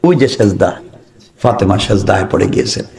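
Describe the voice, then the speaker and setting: A man preacher telling a story in a sermon, slow and dramatic, rising to shouts. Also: fairly low pitch, vocal fry. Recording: echoey open-air PA sound.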